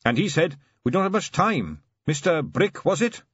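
A polite, wide-eyed young captain with a higher, eager voice, as a narrator puts him on. The tone is husky and lively, on a dull, dry recording. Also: male voice, normal speed, no room sound, exaggerated voice. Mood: earnest. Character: earnest young male watch captain, polite.

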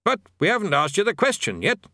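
A man playing a nervous fussy bursar, high-pitched, stammering, loud. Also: huge pitch swings, fast talker, no echo, studio quality, exaggerated voice. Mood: flustered. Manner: flustered, stammering, overly polite.

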